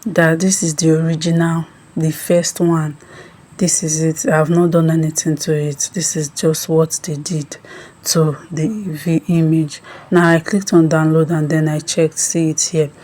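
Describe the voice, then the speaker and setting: Tutorial host: woman, deep and even-toned, explains each step with ums. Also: measured pace. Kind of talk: screen-recorded app tutorial.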